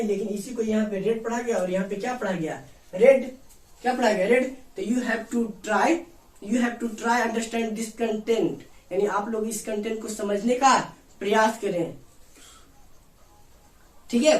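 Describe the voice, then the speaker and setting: A man's voice: sits high, a little mellow. A man teaching an English grammar lesson, who asks his own questions and answers them, drilling each point over and over. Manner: repeats questions and answers them himself, call-and-response drilling. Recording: echoey room, mic far off.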